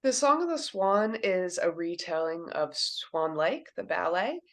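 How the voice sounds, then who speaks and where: Author lady from kentucky, lowish voice, explains stuff gently and simply for a kid. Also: lively intonation, unhurried. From Kentucky, USA. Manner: thoughtful, explains things simply to a child. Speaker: children's book author. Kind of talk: interview answers.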